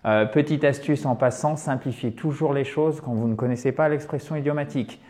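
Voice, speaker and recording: A man teaching an English lesson, explaining with many pauses, fillers and checks like "ok?". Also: mid-range voice, darkish tone.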